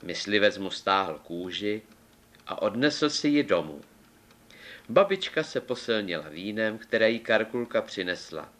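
A man reading a fairy tale aloud in a measured, deliberate way. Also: on the low side, big pitch swings, a bit bright. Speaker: storyteller.

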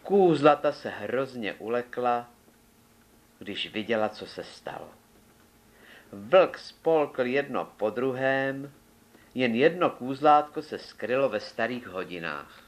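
A man reading a fairy tale aloud in a measured, expressive storytelling manner. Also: mid-range voice. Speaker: narrator.

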